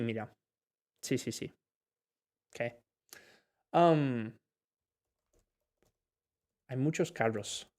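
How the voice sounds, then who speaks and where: A man's voice: medium pitch, a little mellow. A man teaching a live online English class, encouraging and explaining step by step as he switches between two languages mid-sentence.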